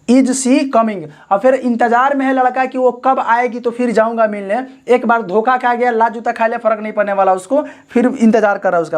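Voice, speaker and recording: In a classroom-style grammar lesson, a male English teacher with a very high voice poses questions and answers them himself. He slows down to spell out example sentences and throws in joking asides.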